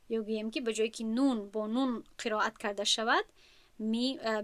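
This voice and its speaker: Woman teaching a slow, patient lesson. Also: a little high, a bit bright, no room sound. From Central Asia. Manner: explanatory, patient, slow drawn-out recitation of examples. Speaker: Quran recitation teacher. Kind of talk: tajweed lesson explaining rules with recited examples.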